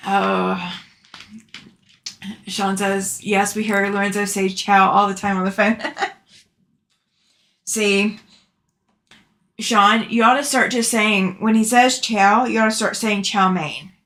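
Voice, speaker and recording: A woman's voice: mid-range voice, fairly even intonation, takes it slowly, pauses often, a bit bright. A chatty woman hosting a sewing livestream, talking casually and affectionately to viewers as she answers their comments. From Alabama, southern US. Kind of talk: casual chat, reading out and answering live comments.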